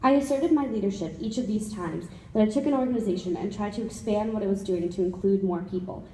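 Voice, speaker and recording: A woman's voice: mid-range voice, fast, dark tone. A woman giving a prepared, formal speech as a student. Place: large indoor event hall. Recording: distant, echoey hall, faint noise.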